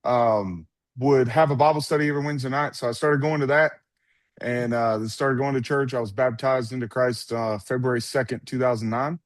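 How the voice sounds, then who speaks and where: A man from North Alabama with a Southern US accent, a preacher talking as a guest in a deadpan, playful way. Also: medium pitch, a little fast, dry recording. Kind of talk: casual interview talk.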